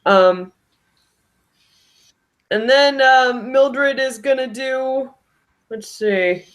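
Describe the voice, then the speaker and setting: A woman with a high voice plays a tabletop game. She is chatty and thinks out loud as she works out her moves. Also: drawn-out words. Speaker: player. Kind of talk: casual tabletop game play.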